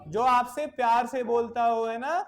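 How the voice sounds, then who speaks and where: A woman's voice: fairly high pitch, fairly even intonation, unhurried. A woman teaching a classroom of children, patiently repeating short phrases and drilling them again and again. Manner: patient, repetitive drilling, calls pupils "beta". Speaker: English teacher. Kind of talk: classroom phrase lesson mixing Hindi and English.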